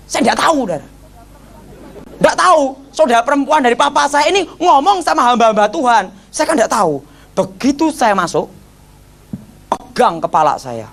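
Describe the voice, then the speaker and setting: A male evangelist telling his testimony in an animated storytelling sermon, acting out voices. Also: sits high, vocal fry. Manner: animated, acts out voices, addresses audience as brothers.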